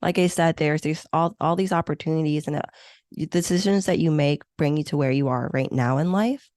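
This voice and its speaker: A little fast and low with a darkish tone, this woman in her thirties chats in a conversational interview about her work as a meeting planner. Born in Hong Kong and raised in the U.S., with Chinese or Vietnamese as her first language, she's enthusiastic and reflective and uses many fillers; the studio-quality recording has no room sound.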